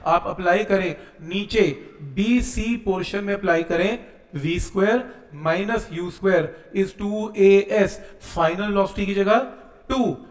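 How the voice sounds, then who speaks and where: A man's voice: high-pitched, echoey room, low-quality recording. A man teaching a physics lesson, explaining each step and checking in with his students. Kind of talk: exam-prep physics lesson.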